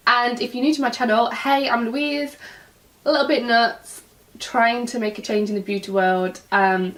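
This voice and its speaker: A woman's voice: medium pitch, fairly bright tone. A young woman with a nasal voice, still recovering from an illness, chatting casually through a makeup tutorial with lots of ums. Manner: chatty and rambling, many ums. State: recovering from illness, swollen glands. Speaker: beauty YouTuber. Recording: somewhat distant mic, faint music.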